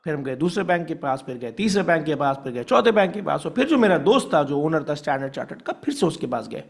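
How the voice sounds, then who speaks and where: High-pitched gravelly male teacher. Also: very animated, quick pace. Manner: explains with worked examples and check-ins; mixes English terms into Hindi-Urdu. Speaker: business teacher. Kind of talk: classroom lecture.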